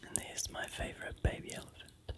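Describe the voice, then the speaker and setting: A New Zealand vlogger with a Kiwi accent narrates a travel slideshow in a soft, steady, unhurried whisper that never lifts.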